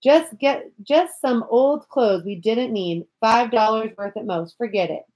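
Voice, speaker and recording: A woman doing brisk motherly pioneer aunt. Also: on the high side, darkish tone, natural voice.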